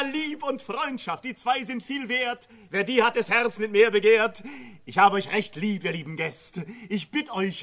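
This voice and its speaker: A bright, high-voiced reveller declaiming rhymed verse in a 1950s stage recording, sociable and quick to alarm. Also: male voice, exaggerated voice. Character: rich reveller turning fearful, male, adult.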